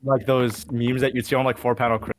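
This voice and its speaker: A man's voice: medium pitch, flat delivery, fast talker, slight background noise. A man co-hosting a podcast over a voice call, rambling in slang with lots of fillers, his mic clipping and cutting out with distortion. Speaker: podcast co-host. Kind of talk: casual chat on a voice call. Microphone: computer mic on a voice-chat call.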